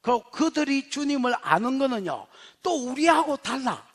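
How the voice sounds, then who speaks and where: A male pastor with a Gyeongsang Korean accent, preaching an expository sermon in a blunt, colloquial way that swings from shouting to whispering. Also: very high voice, very animated, moderate pace. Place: church sanctuary.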